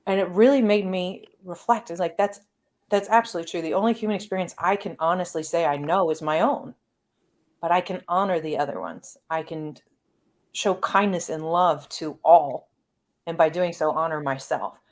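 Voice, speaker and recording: Woman, lowish voice, earnest n emphatic, just sharing her views casually in a chat. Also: normal speed. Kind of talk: casual, personal reflective group discussion.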